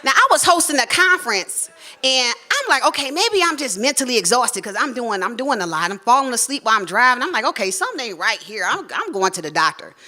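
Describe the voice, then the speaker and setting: A woman, telling a personal story live on stage and acting out the voices she quotes. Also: fast talker. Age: 40s. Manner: animated, acts out quoted voices with big pitch jumps.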